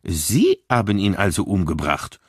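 A man voicing a calm, unflappable older male detective who speaks low, gently and slowly, with a mildly ironic manner. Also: breathy edge, no room sound, studio quality, exaggerated voice. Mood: calm, gentle. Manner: mild, encouraging, quietly ironic.

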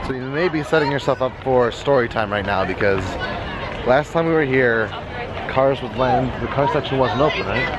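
An enthusiastic American man in his twenties rambles casually as a travel vlogger while strolling around a resort, mostly outdoors. He talks at a normal pace in a mid-range voice, caught on a handheld camera held at arm's length. The lo-fi recording is swamped by the noise of resort crowds and traffic.

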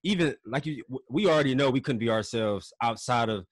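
A male podcast host and former college football player, speaking at a middle pitch. He keeps the chat easygoing, agreeing and laughing along, and his voice sounds dry and close with no room echo. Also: animated, brisk. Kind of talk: casual interview chat.

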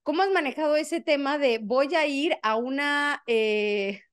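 A woman's voice: sits high, a little slow. A woman hosting a talk show, chatty and eager, firing off questions at her guest. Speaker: host.

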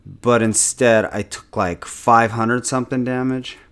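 A man's voice: medium pitch, steady tone, unhurried, clear, resonant tone. A man giving casual, self-critical commentary on his own gameplay as a channel host, thinking aloud with restarts and chuckles.

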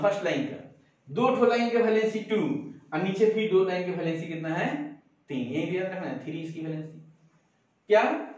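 A male school teacher giving a classroom lecture in a folksy, colloquial way, full of village sayings and memory tricks. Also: sits high. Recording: echoey, distant, dull lo-fi classroom recording.

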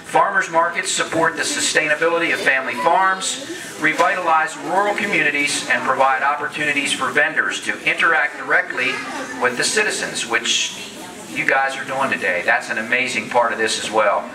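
A man's voice: a little high, normal speed. A joking man speaking in an echoey hall. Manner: joking, off-script asides. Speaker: county commissioner presenting awards. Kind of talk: casual public ceremony speech. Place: large open-sided farm hall. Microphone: handheld microphone. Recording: echoey hall, crowd noise, distant mic.

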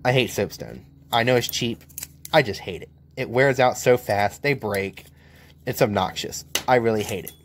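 A man's voice: medium pitch, moderate pace. An American man, a welder, giving a casual hands-on demo of his tools, blunt and joking, filmed one-handed at an outdoor work table. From United States. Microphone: handheld camera mic, filming one-handed.

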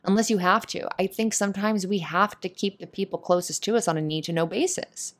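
A woman with a medium-pitched voice talks fairly quickly, delivering a monologue of casual, comforting advice to a listener. She's a voice actor, and her tone is earnest, opinionated and emphatic.

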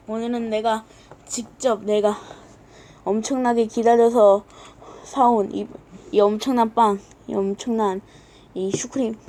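Woman storyteller, fairly high voice, dramatic whiny delivery, playful skit. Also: a little hiss or hum. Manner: whiny and dramatic, swinging loud and quiet. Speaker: storyteller playing with characters. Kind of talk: playful homemade character skit.

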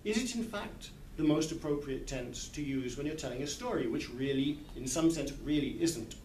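A fairly high, animated and slightly mellow voice belongs to a man in his sixties who translates literature. At normal speed, he speaks thoughtfully yet hesitantly, casting about for words, during a casual book club session in a large hall. Recorded by a camera a few metres away, it's echoey with background noise.

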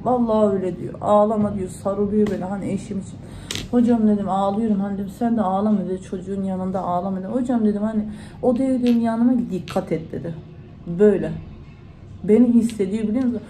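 A woman's voice: medium pitch, fairly even intonation, fast, mellow, a little hiss or hum, rough recording. A woman vlogger, chatting casually to her followers at home and retelling conversations in reported speech. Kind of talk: casual vlog talk to followers.

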